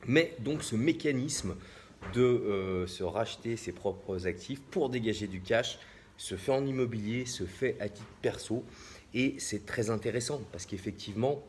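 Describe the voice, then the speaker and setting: A man's voice: on the low side, measured pace, a little mellow, a little hiss or hum. A man with a French accent explaining property investing on a casual live stream, with frequent hesitations and restarts. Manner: hesitant, many fillers and restarts. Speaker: real estate investor hosting a live stream.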